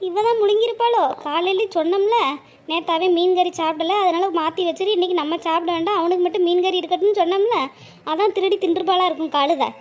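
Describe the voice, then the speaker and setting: A woman's voice: very high-pitched, quick pace. A woman voicing a scolding village mother-in-law who grumbles to herself.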